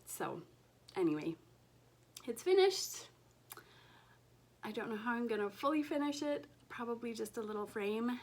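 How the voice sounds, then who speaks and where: A woman recovering from an illness chats casually to camera as a cross-stitch vlogger at home, gushing and slipping into soft whispers over her stitching. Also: fairly high pitch, very animated, moderate pace, long pauses. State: recovering from illness, voice recently lost.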